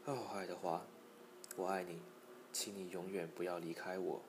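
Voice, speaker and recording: A man's voice: low-pitched, flat delivery, moderate pace, background noise. A man voicing a loving young girl in a read-aloud storybook, calling out and pleading. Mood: tender. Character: young girl, loving and anxious for her toy.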